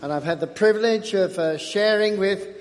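A man with a Nottingham English accent preaching a sermon in short phrases, pausing for an interpreter. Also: sits high. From England. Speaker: guest preacher. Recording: reverberant hall.

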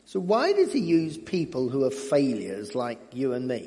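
A man with a Nottingham English accent preaching a sermon in short phrases, pausing for an interpreter. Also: medium pitch, wildly swooping pitch, mellow. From England. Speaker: guest preacher. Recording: reverberant hall.

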